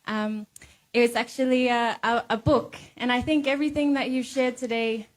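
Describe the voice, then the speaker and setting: A woman's voice: fairly high pitch, fairly even intonation, normal speed. A woman hosting a live pageant event, speaking to contestants and audience in a poised, earnest way. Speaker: pageant host.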